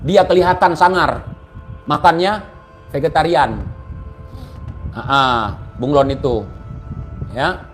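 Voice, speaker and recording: Male commentator, slightly high pitch, scolding and sarcastic delivery, soft music bed. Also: slow, long pauses. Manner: mocking, scolding, rhetorical questions. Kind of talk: casual spoken commentary.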